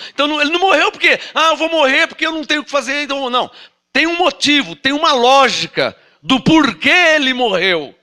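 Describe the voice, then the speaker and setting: Brazilian preacher guy, high bright voice, jumps all over, quizzing the crowd. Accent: Brazilian Portuguese. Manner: animated, rhetorical questions, acts out skeptics. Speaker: apostle preaching. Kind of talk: sermon.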